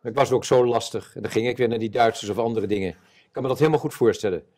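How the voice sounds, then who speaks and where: A man in his seventies, an eyewitness telling his war memories in an interview before an audience, animated and acting out the voices of others. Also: medium pitch, fast. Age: 70s. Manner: animated storyteller, acts out quoted voices. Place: stage before a live audience.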